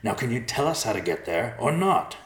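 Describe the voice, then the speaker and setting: A man voicing a hot-tempered male bear in a storybook reading, gruff and curt. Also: mid-range voice, big pitch swings, fairly quick, reverberant, pitched above the performer's own voice, natural voice.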